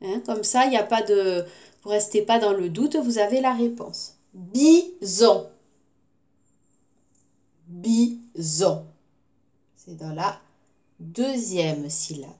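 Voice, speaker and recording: A woman teacher with a French accent giving a recorded phonics lesson to young children, saying words slowly and clearly syllable by syllable and encouraging them gently, with some hesitations. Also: medium pitch. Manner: slow, clearly articulated, repeating words syllable by syllable.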